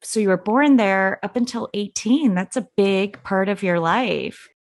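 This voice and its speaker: A woman co-hosts a podcast interview. She sounds curious and enthusiastic as she asks questions. Her pitch is middle-range for a woman. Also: unhurried. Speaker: podcast co-host.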